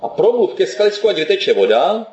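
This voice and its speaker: Man voicing God, calm and commanding, measured, echoey room. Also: sits high, muffled recording.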